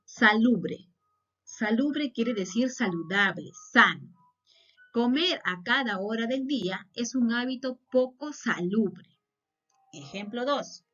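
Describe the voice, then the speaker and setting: With a bright, rather high voice, a Peruvian teacher speaking with a Peruvian Spanish accent guides her class patiently, frequently pausing for quick check-in questions. The audio has a dull lo-fi quality.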